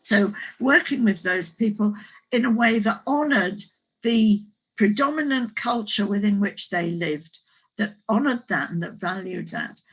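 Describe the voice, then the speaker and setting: Husky woman telling a story. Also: medium pitch, animated, a bit bright, poor audio. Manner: reflective storytelling, halting. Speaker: author and guest. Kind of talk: casual panel discussion.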